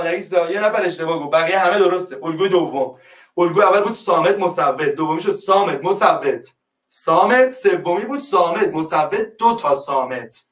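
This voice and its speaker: High-voiced teacher calling on pupils. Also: male voice, reverberant, far from the mic. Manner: coaxing, repeats prompts to pupils. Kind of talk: online class lesson.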